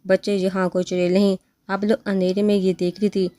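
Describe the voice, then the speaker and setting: A woman reading the gentle, reassuring lines of a calm young husband in an audio novel. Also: medium pitch, no room sound, studio quality, lightly acted. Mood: soothing.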